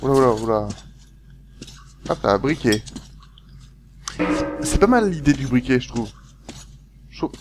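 A man giving casual commentary on a game he plays, excitable, chatty and quick to yelp. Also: mid-range voice. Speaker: gaming YouTuber. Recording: game noise behind voice.

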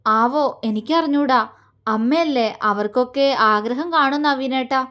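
Audio story: a shy, hesitant young wife, voiced by the narrator, soft and high. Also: female voice, measured pace.

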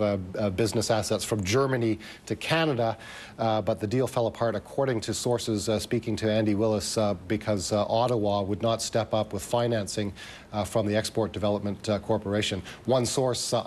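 A man reporting a business story live, speaking in halting phrases with many filler pauses. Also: lowish voice, a little mellow.

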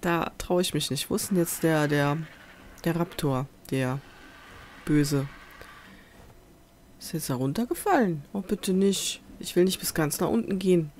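A woman's voice: deep voice, measured pace, pauses often, darkish tone. A woman giving casual let's play commentary, chatting to viewers and muttering to the animals she tames, on a USB desk microphone at home. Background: faint festival noise from outside.

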